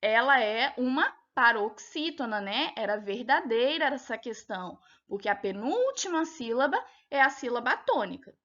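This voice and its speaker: A Brazilian woman teacher with a high voice walks young pupils through a test one answer at a time. She speaks patiently and keeps checking that they follow. The recording sounds dull and lo-fi. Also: sing-song, moderate pace, hardly any pauses, a bit bright. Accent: Brazilian Portuguese. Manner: patient, explains step by step, asks checking questions. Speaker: primary school teacher. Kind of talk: recorded lesson going over a test.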